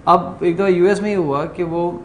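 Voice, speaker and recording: A middle-aged man from Pakistan leading a workshop, telling stories in an animated way and slipping into English phrases. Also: high voice, slight background noise. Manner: animated storyteller, acts out quoted exchanges, mixes in English. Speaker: workshop trainer. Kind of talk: lively lecture to a class. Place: training room with a group.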